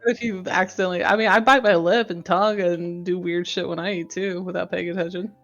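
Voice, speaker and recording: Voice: mid-range voice, steady tone, quick pace, fairly bright tone, lo-fi sound, soft background music. A playful player describing what her character does in a tabletop game, chatting casually.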